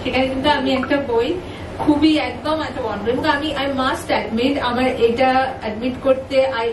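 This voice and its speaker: A woman's voice: high voice, brisk, noisy background. Woman panelist, echoey room, distant. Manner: thoughtful, candid, self-deprecating. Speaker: book launch panelist. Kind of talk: reflective remarks mixing Bengali and English.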